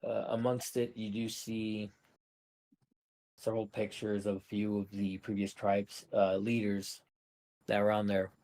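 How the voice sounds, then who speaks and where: A man narrating a tabletop role-play as game master, halting with many fillers and restarts. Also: lowish voice, level tone, a little mellow.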